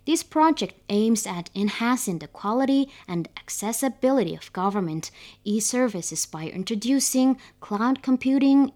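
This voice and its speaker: A woman's voice: fairly high pitch, a little mellow. A woman with a Mongolian accent reading scripted news as a radio host.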